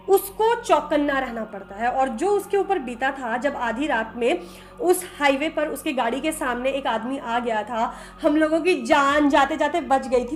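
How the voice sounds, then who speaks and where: A young woman vlogger telling a story to her viewers in an animated, chatty way. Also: sits high. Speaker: vlogger narrating a trip. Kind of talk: casual storytelling vlog.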